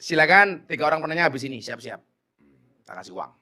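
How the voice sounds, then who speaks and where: A middle-aged man with a Javanese accent preaching a lively sermon, joking and teasing, swinging from soft talk to shouts. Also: fairly high pitch, fast. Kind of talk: lively sermon with audience banter.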